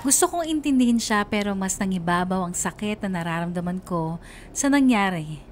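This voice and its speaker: A woman's voice: medium pitch, animated, normal speed, a little mellow, faint music behind, lightly acted. A woman playing a hurt young letter writer who narrates a radio drama in a sorrowful, confessional way with a Filipino accent. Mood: pained. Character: hurt young woman recounting her betrayal.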